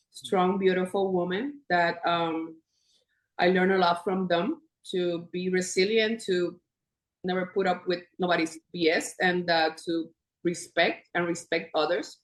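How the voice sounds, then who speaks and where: A woman in her fifties from Puerto Rico, a podcast guest in casual conversation, animated and laughing often as she talks. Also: lowish voice. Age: 50s. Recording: echoey room.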